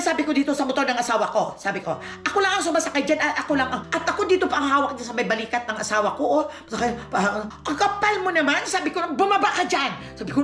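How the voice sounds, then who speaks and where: A middle-aged woman from the Philippines, a vlogger telling a personal story in an animated way, acting out the dialogue. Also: a little high. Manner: animated, acts out quoted dialogue, laughs often. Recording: roomy echo with faint music.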